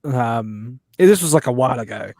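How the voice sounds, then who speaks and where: A man's voice: medium pitch, expressive, moderate pace, a little mellow, no echo, clean studio sound. A young man chatting casually on a call, rambling and laughing often. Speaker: guest YouTuber. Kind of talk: casual stream chat.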